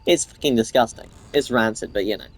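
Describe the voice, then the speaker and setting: A man's voice: mid-range voice, brisk. A man giving casual gameplay commentary, rambling, swearing freely and restarting his sentences. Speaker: gamer playing on camera.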